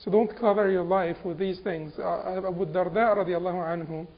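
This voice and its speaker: A man from Egypt giving an Islamic lecture, halting and repeating words with many fillers. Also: high-pitched, fairly even intonation. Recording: dull lo-fi recording.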